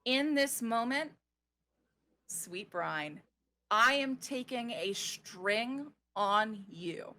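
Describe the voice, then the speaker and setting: A woman running a tabletop game as game master, narrating and explaining rules in a playful, informal, halting way. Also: on the high side, lively intonation, pushed and bright.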